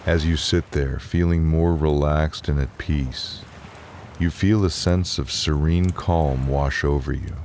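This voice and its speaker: A man with a very deep voice gives a calm, unhurried, soothing narration for guided relaxation and bedtime storytelling. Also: a little hiss or hum.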